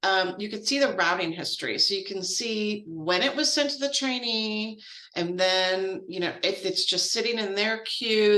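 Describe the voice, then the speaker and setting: A woman trainer walks through a process in a relaxed, talky way, full of asides and fillers. Her voice is bright and forceful, and the sound is roomy and echoey. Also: mid-range voice. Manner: chatty and informal, with frequent fillers and asides. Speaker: grants trainer. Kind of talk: casual software training walkthrough.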